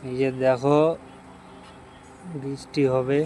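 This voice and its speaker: Flat-toned man vlogging from a bumpy road. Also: medium pitch, slow. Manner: talking while driving on a bumpy road. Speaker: truck driver vlogger. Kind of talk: casual vlog chat to viewers. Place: inside a truck cab on a rough road. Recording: noisy vehicle cab, engine and road noise. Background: vehicle and road noise.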